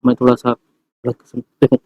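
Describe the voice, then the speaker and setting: A male math teacher giving a lively lecture, chatty and teasing, repeating questions to his students. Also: normal speed, muffled recording.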